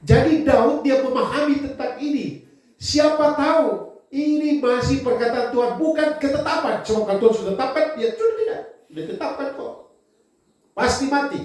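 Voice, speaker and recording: A man preaching a sermon in an animated way, swinging between loud emphasis and quiet asides. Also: very high voice, moderate pace. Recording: very echoey hall, voice from far off.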